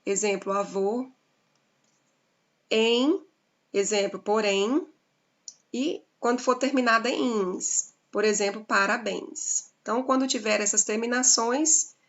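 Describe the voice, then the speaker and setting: A woman's voice: mid-range voice, a bit bright, muffled recording. A woman teacher with a Brazilian accent giving a grammar lesson to her class, explaining step by step and checking in with "né?". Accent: Brazilian Portuguese. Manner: explains slowly, spelling out examples with frequent "né?". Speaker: Portuguese teacher.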